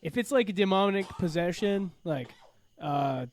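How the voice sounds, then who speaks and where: Male co-host, high voice, easygoing slangy chat. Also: lively intonation, a little slow. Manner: laid-back, says dude and bro, swears. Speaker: podcast co-host. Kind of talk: casual chat.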